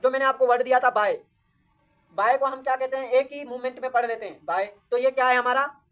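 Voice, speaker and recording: A woman gives a grammar lesson. She asks questions and answers them herself, and reads English definitions out slowly and deliberately. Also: high voice, fairly bright tone. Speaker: grammar teacher. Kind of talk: classroom-style grammar lesson.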